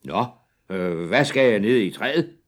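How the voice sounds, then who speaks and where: A man playing a bluff, loud soldier. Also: lowish voice, animated. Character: returning soldier, plain and bluff.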